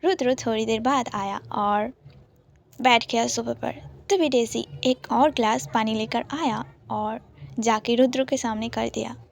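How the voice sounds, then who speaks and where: A woman narrating a romance story in a calm, soft-spoken way. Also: a little high, unhurried, creaky, a little hiss or hum.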